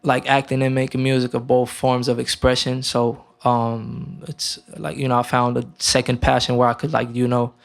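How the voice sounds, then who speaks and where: A young Romanian man, appearing as a guest musician, chats casually in an interview. His medium-pitched voice is gravelly, and he sounds relaxed but halting, full of fillers and restarts.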